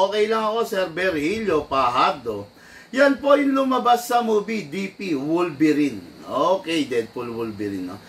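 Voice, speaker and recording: Bright-voiced man hosting a stream. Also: high voice. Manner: chatty, laughs easily, greets viewers. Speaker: airsoft live-stream host. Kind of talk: casual live-stream chat. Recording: distant mic, faint background noise.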